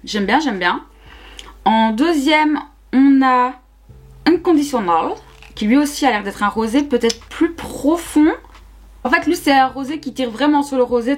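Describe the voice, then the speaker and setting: Young woman, beauty vlog, casual, hesitant fillers, enthusiastic repeats. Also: a little high. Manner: chatty, many fillers and repeats. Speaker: beauty vlogger. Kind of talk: casual makeup review.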